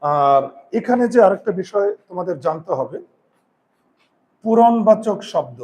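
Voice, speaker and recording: A male grammar teacher giving a lesson, repeating key terms slowly, counting aloud and telling students to write things down. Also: high-pitched, lively intonation, darkish tone. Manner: counts aloud and asks rhetorical check questions. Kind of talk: classroom-style grammar lesson.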